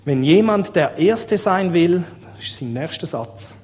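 A man with a Swiss German accent delivers a sermon in a fairly high voice, asking his listeners question after question. His voice rings with a long hall reverb. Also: unhurried. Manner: lively, asks the audience rhetorical questions. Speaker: preacher.

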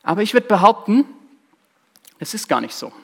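A man's voice: high-pitched, sing-song, moderate pace, creaky, breathy edge. A man preaching a sermon, speaking emphatically, repeating key phrases and addressing listeners directly.

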